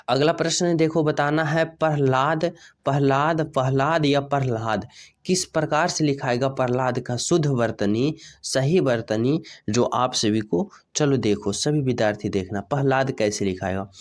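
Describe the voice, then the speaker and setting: Repetitive Hindi-speaking exam-prep teacher man. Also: mid-range voice. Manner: repeats questions to students, checks "samajh rahe ho?". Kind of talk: Hindi grammar lesson for exam students.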